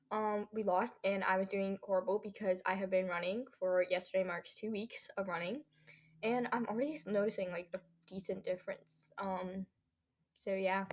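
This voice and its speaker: A woman's voice: mid-range voice, steady tone, normal speed, darkish tone. A teenage girl talking alone into her podcast mic in a loose, chatty way. She rambles, leans on fillers, and often loses her train of thought before picking it back up. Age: teens. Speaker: podcast host. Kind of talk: casual solo podcast chat.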